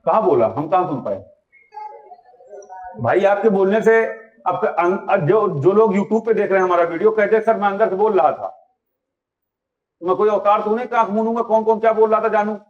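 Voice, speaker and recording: Guy teaching grammar to a classroom, very high voice, keeps asking the class questions, muffled lo-fi sound. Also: brisk. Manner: quizzing students with repeated questions. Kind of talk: classroom lecture. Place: classroom with live students. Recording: dull lo-fi sound.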